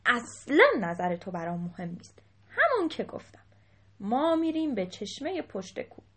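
A woman voicing a proud, quick-tempered male elephant king who booms his orders. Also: very animated. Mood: angry. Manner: booming and domineering.

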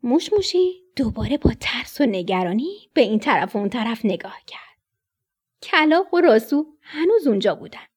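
Woman reading a kids story, high husky voice, whispers the scary bits. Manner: expressive, dips into whispers for suspense. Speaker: narrator. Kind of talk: children's storybook narration.

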